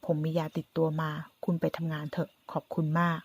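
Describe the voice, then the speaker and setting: A woman voicing a gentle, reserved young husband. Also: low voice, monotone, a little fast, breathy edge, dry recording.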